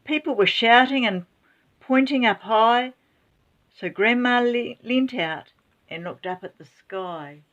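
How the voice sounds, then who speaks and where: A woman reading a rhyming children's story aloud in an expressive, dramatic way, with exclamations. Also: a little high, slow pace, highs cut off.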